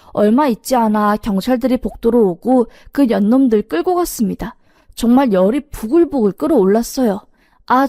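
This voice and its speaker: A woman narrating a personal story in a brisk, emphatic scripted retelling. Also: on the high side, mellow, no echo, clean studio sound.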